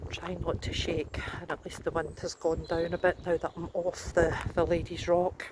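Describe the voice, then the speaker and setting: A Scottish vlogger giving an unhurried, casual commentary while looking around outdoors, musing aloud. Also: mid-range voice, level tone. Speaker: vlogger giving a cemetery tour. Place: outdoors in a cemetery. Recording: windy, noisy outdoor handheld recording.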